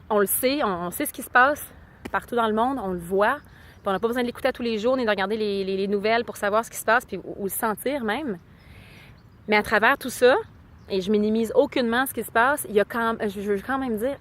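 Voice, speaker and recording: Québécoise woman chatting in a rambling vlog. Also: on the high side. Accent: Québécois French. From Quebec. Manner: rambling, switches between French and English, many fillers and repeats; enthusiastic, heartfelt. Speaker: vlogger. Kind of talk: casual spontaneous vlog.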